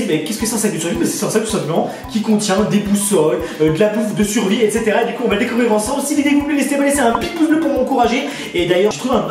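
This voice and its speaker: Fast-talking eager man in echoey sound. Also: high-pitched, a little mellow. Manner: eager, addresses viewers as friends. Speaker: YouTuber. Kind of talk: casual unboxing chat. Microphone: borrowed headset. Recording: echoey, distant headset sound with music.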